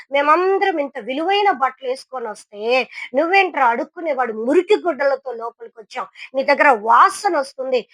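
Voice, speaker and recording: A woman's voice: high voice, fairly bright tone, dry recording. A woman voicing scornful churchgoers who harshly scold a beggar in a told story.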